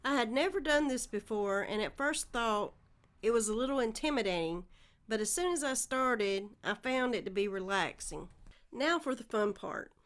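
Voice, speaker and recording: Her voice fairly high and expressive at a moderate pace, a DIY channel host from the Southern United States narrates a home project step by step, keeping the instructional voice-over friendly.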